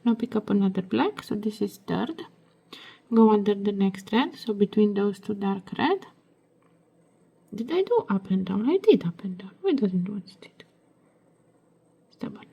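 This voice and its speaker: A woman talks through a beading project one step at a time, slow and quiet, often dropping into a near whisper as she works. Her voice is hoarse and gravelly, with a dark, husky tone. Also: medium pitch, expressive, dull audio. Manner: soft, slow, half-whispered while working. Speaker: beading tutorial host. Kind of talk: step-by-step craft instruction.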